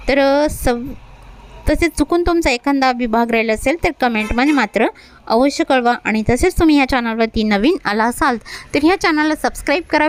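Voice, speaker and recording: A woman presenting a weather update, reading a regional rain forecast and rattling off long lists of place names. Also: a little high.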